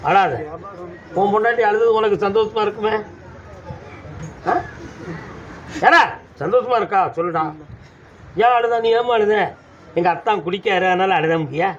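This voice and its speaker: A man's voice: high-pitched, normal speed, long pauses. A man with a southern Tamil accent speaking as the deity at a village temple, giving commanding, scolding answers to devotees. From Tamil Nadu. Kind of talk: trance oracle addressing devotees. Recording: dull audio with faint background noise.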